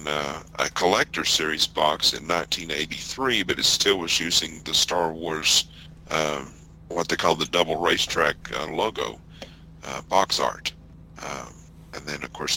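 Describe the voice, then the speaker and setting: A very deep-voiced man in his fifties hosts a casual collectors' chat. His voice comes through muffled and jumbled over a failing internet call, with faint noise behind it. He talks haltingly, with plenty of fillers. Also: vocal fry, pushed and bright. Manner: halting, many filler sounds. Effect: muffled voice over a glitchy internet call. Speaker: podcast host. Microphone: remote call.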